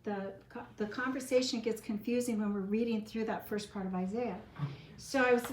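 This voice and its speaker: A woman leads a Bible class, giving casual, loosely worded instructions and rephrasing as she goes. Her voice is a little high with a darkish tone, and the recording has a roomy echo with faint room noise.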